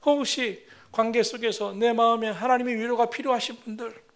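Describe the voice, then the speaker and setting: A man preaching a sermon as senior pastor, rising to loud proclamations and dropping to hushed, near-whispered lines. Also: extremely high pitch, steady tone, moderate pace.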